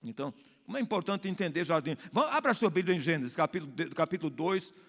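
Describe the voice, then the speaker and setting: A man's voice: fairly high pitch, animated, fast, gravelly, a bit bright. A man with a Brazilian Portuguese accent teaching a Bible study as a pastor, explaining at length and often checking in with his listeners. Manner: explanatory, repeats and restarts phrases, asks the congregation "né?". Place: church hall. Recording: long hall reverb.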